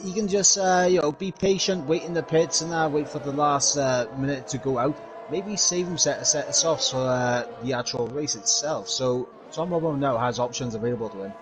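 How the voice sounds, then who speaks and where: Man giving race analysis over music. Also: mid-range voice. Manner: measured analysis with many "uh" pauses. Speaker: co-commentator.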